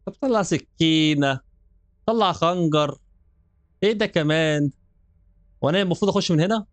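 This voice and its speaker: A man's voice: fairly high pitch, no room sound. A young man with an Egyptian Arabic accent, giving jokey, nervous commentary while playing a horror game. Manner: jokey, nervous, laughs often. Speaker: gaming channel host. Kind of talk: let's play commentary.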